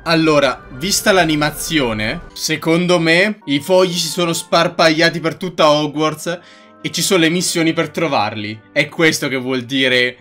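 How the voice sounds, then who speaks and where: A man's voice: on the high side, unhurried, pushed and bright, faint music behind. A man in his thirties giving casual gameplay commentary with irreverent, sweary asides. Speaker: game streamer.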